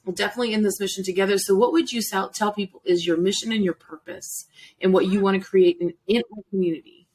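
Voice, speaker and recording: A woman's voice: medium pitch, fairly even intonation, fast, darkish tone, a little hiss or hum. A middle-aged woman hosting a casual interview, chatty, repeating phrases and laughing easily. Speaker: host.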